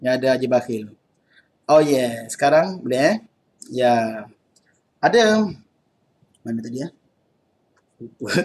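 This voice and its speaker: A man's voice: medium pitch, expressive, a little slow, long pauses, a little mellow. A man with a Malaysian accent teaching an online Arabic class in a casual, chatty way, laughing often. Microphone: computer mic on video call.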